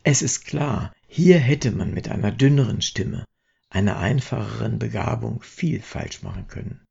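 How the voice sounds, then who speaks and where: A man's voice: on the low side, moderate pace, vocal fry, warm tone, husky, dull audio. A man giving a spoken book review with wry commentary. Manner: wry, wordplay-loving commentary.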